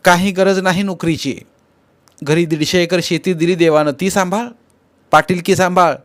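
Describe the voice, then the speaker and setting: A man's voice: high-pitched, fairly even intonation, normal speed, no room sound, voice pushed up, natural voice. A man voicing an aging mother who nags her son insistently in a raised voice. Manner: nagging, insistent. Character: aging mother, anxious for her son's marriage.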